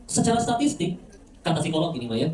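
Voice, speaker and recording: A man's voice: a little high, very animated, fast talker, darkish tone, a little hiss or hum. A man preaching a casual, joking religious lecture to a crowd, often asking them questions and tagging lines with "ya". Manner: conversational, asks the crowd questions, frequent "ya". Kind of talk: lively religious lecture with jokes and audience questions. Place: mosque hall. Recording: echoey hall, mic heard from a distance.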